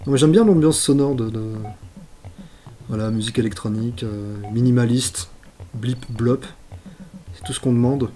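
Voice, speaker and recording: A man's voice: medium pitch, moderate pace, long pauses, soft background music. A man giving live commentary as he plays old games on stream, exclaiming at his mistakes and joking about himself. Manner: excitable, exclaims and talks to himself while playing; self-mocking asides.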